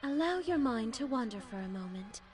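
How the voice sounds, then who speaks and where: A woman voicing a composed, gently amused maid in an anime game, speaking politely and with measure. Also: on the high side, animated, moderate pace, close to an everyday voice.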